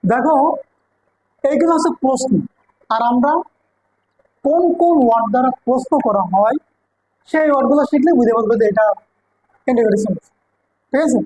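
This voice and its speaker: High-voiced woman teaching grammar. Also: a little fast, long pauses, dark tone, no echo, low-quality recording. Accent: Bengali. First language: Bengali. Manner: checks understanding with repeated questions to students. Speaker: English teacher at a coaching center. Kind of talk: classroom grammar lesson.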